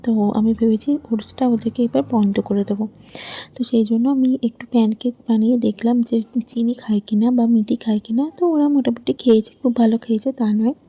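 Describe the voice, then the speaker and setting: This is a husky, warm female voice on the high side with fairly even intonation. A young mother of two small girls rambles her way through a home vlog of her day in the bedroom and kitchen. She's chatty and leans on fillers, especially "I mean."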